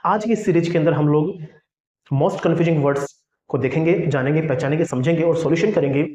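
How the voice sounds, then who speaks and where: A man's voice: on the high side, moderate pace, mellow. A man with a Hindi accent teaching an English lesson, who asks questions and answers them himself. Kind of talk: classroom lesson. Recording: echoey, dull lo-fi room sound.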